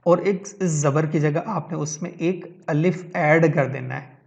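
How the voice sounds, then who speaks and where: A man's voice: fairly high pitch, gravelly. Man teaching a step-by-step reading lesson, lo-fi. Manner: explains step by step, checks in with "theek hai?"; mixes English words into his teaching. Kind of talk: online tajweed lesson.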